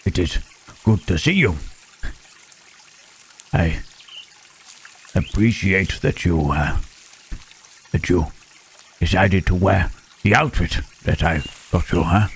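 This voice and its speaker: A man playing a gentle, lonely male monster in an ASMR roleplay, speaking haltingly and formally in a husky voice. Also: low-pitched, a little hiss or hum. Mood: gentle, warm. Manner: halting, formal speech without contractions, trailing "huh?". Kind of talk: ASMR roleplay, intimate scripted monologue to listener.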